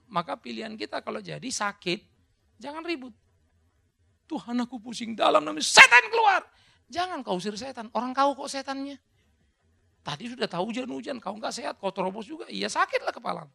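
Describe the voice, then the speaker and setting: A high, lively male preacher with a gravelly, husky edge to his voice. His tone is bright and forceful as he teaches and answers questions, now and then acting out the voices of the people in his stories. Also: quick pace. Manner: animated, mixes English words, acts out quoted voices. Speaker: pastor. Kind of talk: sermon with Q&A. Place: church hall.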